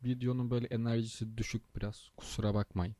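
A man's voice: mid-range voice, flat delivery, fast talker, mellow, no room sound. A tired young man hosting a gaming channel, chatting casually while he plays and grumbling at the traffic, swearing under his breath. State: tired, low on energy. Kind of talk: casual gameplay commentary.

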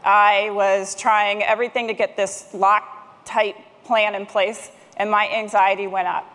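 A middle-aged woman, a technology manager, gives a prepared presentation from a large indoor conference stage using a headset microphone. Her mid-range, fairly bright voice is flat and measured in pace, with long hall reverb around it.

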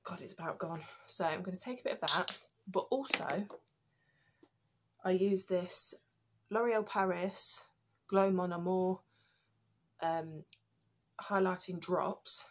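A woman's voice: on the low side, slow, pauses often. A young British woman with a slightly stuffy nose chats casually through her skincare routine at home, with plenty of ums and restarts. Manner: chatty, many ums and restarts. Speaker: beauty vlogger.

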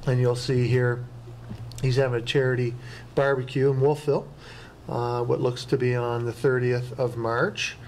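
A man gives his report to a town council in a casual, plainspoken manner, with the odd filler. His voice sits at a middle pitch. A faint hiss lies under the recording. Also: level tone, moderate pace, a little mellow, rough recording. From Canada. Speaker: town administrative officer at a council meeting. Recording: faint noise, council chamber.

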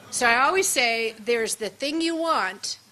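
A woman's voice: fairly high pitch, expressive, measured pace, bright, forceful tone, poor audio. A woman giving a conversational seminar presentation with emphatic asides. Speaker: seminar speaker. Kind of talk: luncheon presentation. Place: event room at a seminar.

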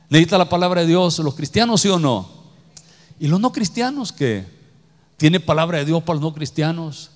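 A man delivers a sermon from the pulpit, rising to loud exclamations and dropping to hushed, low phrases. His voice sits somewhat high for a man. The sound rings out with a long reverb from a church hall. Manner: preaching with wide swings from loud exclamations to low, quiet lines. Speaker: pastor.

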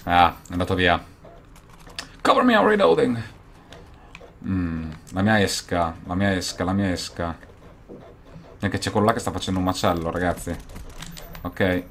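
Young male gaming YouTuber, low voice, excitable, swears a lot, faint hiss. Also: moderate pace, pauses often. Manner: excitable, swears and bursts into shouting. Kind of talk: gameplay commentary.

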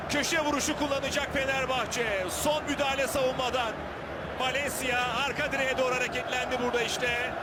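A man giving live football match commentary, his voice rising into excited screams at big moments. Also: extremely high pitch. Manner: screams excitedly at goals and chances. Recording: loud stadium noise behind voice. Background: stadium ambience.

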